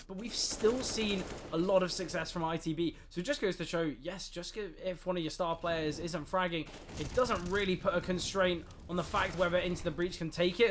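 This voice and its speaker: Male play-by-play caster, slightly high voice, rambling hedges, spikes on kills, faint hiss behind. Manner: rambling, lots of "I feel like", bursts of excitement on plays. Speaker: esports caster. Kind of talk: live play-by-play commentary.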